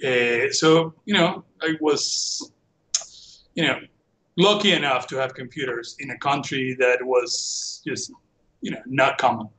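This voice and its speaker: Speaking English with a Venezuelan Spanish accent, a man in his forties from Venezuela shares his story as a guest, casually and with self-deprecating ease. He talks unhurriedly in a medium pitch on a rough recording.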